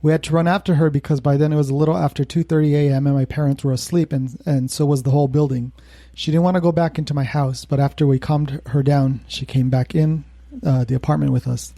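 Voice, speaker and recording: A man's voice: a little high, fairly even intonation, fast talker, gravelly, mellow, no room sound. A male podcast co-host telling a spooky story in casual chat, laughing now and then. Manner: laughs while telling a creepy tale.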